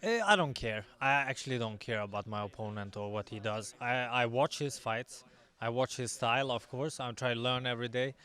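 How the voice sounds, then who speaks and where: A confident young man, an MMA fighter giving a sports interview in halting English with repeated words. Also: mid-range voice, fairly even intonation, sharp tone. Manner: confident, self-assured. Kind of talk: post weigh-in sports interview.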